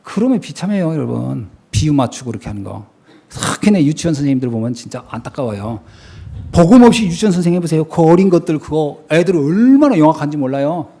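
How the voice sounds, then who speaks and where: A middle-aged man preaching a sermon as pastor in a church, animated and storytelling, with emphatic repetition and frequent laughter. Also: fairly high pitch, fast talker, vocal fry, husky. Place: church sanctuary.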